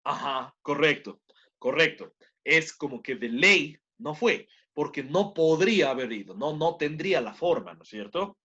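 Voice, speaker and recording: A male teacher with a slightly high, very lively voice, explaining and constantly asking his class questions to check that they follow. The sound is dull and lo-fi, as if captured through the audio of an online class. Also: unhurried, breathy edge.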